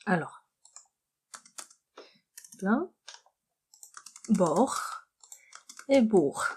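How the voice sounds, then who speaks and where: A woman from France teaches a relaxed language lesson indoors, talking very slowly and patiently. She repeats each word with care and often sinks into a soft murmur. Her voice sits at a middle pitch. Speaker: French teacher. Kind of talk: slow explanatory language lesson.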